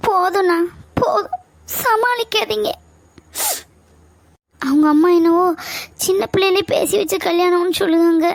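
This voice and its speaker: A woman's voice: extremely high pitch, steady tone, a little fast, a little mellow, dry recording. A woman playing a hurt, tearful young woman in an amateur family skit, insisting she wants no more contact with her fiancé. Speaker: younger sister figure.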